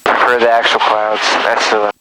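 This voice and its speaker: A man's voice: fairly low pitch, little pitch movement, normal speed. A man training as a pilot, talking casually through an aviation headset in a small plane. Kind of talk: casual cockpit chat. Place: small aircraft cockpit in flight. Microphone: aviation headset intercom. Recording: loud engine noise on cockpit intercom.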